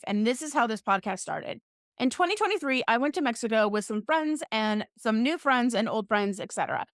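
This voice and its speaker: A woman's voice: mid-range voice, fairly bright tone, no echo, studio quality. A woman hosting a podcast, telling a story in a playful, self-mocking, casual way. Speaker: podcast host.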